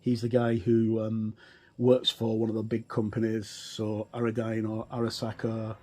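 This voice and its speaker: Here a middle-aged man reviews a game with unscripted walkthrough commentary, hesitant and halting, his phrases trailing away. He speaks on the low side, somewhat mellow, with a completely flat delivery.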